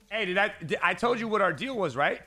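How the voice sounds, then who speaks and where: A man's voice: high-pitched, sharp tone. A man in his thirties hosting a casual gaming chat on a headset, teasing playfully and talking in slang. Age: 30s. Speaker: streamer host. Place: streaming room, indoors.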